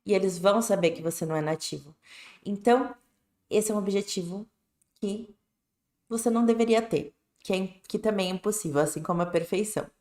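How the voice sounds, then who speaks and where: In an echoey room, a Brazilian Portuguese-accented woman gives a live-streamed English lesson in a relaxed, straightforward style, regularly adding "né?" and "tá bom?". Her medium-pitched voice is fairly quick with a darkish tone.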